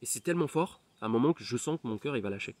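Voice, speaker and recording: A man's voice: medium pitch, expressive, racing, a little mellow, no room sound. A man, a hypnotherapist, tells a personal story in French with many fillers and restarts, often dropping to a near whisper. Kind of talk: personal testimony.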